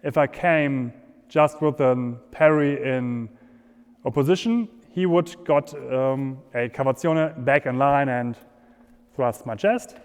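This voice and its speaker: Slow-paced German-accented man in an echoing hall. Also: mid-range voice, clear, resonant tone. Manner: halting non-native phrasing. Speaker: fencing instructor. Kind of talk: instructional demonstration, explaining step by step. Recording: echoey hall with long reverb.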